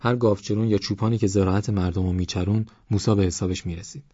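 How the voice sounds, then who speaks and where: A man's voice: on the low side, fairly even intonation, warm tone, no echo, highs cut off, close to an everyday voice. A male narrator voicing a bold young village girl who brags and talks like a know-it-all. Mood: boastful. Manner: cocky, chatty, know-it-all.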